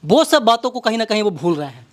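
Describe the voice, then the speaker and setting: His voice sits high and sing-song at a quick pace as this Bihari-accented man works as an interviewer for local media. He delivers a narrated introduction, then asks questions in a dramatic, repetitive way.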